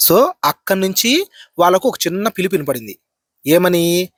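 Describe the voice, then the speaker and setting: A man's voice: sits high, big pitch swings, normal speed, fairly bright tone, no room sound, studio quality. A man hosting a horror channel, telling a ghost story in a chatty spoken way, repeating phrases and tagging lines with a filler.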